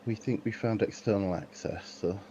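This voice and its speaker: A man's voice: on the low side, fairly even intonation, moderate pace, mellow. A man playing a tabletop game on an online call, chatting casually and a little tentatively. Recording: muffled call, faint background noise.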